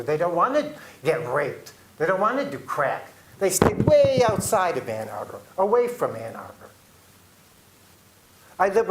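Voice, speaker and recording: A man's voice: high voice, reverberant. A man giving an agitated, pleading public comment at a city council meeting.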